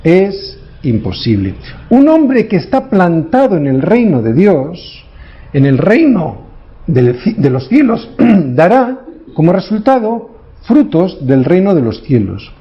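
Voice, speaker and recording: Higher-voiced preaching man, tag questions. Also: very animated, slow pace, highs cut off. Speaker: pastor. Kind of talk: sermon.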